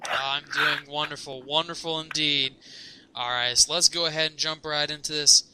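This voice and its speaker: A man's voice: on the high side, steady tone, moderate pace, a crowd in the background, low-quality recording. A man co-hosting a podcast who interviews a guest, upbeat and friendly in his questions. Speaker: podcast co-host.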